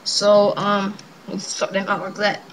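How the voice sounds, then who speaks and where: A young woman casually presenting a card trick, improvising her patter in a hesitant, halting way. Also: mid-range voice, flat delivery. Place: indoors at a table. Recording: noisy home webcam-style recording.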